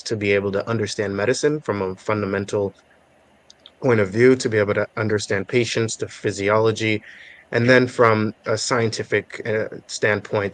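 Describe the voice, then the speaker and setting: Low-voiced young man from Haiti. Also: no echo. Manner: measured, thoughtful, with many filler pauses. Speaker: guest. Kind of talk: podcast interview.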